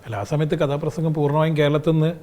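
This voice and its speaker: A man's voice: fairly high pitch, flat delivery, racing, warm tone. A man hosting an interview, who sets up context before asking his questions and murmurs short acknowledgements while the guest talks. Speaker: interviewer, host.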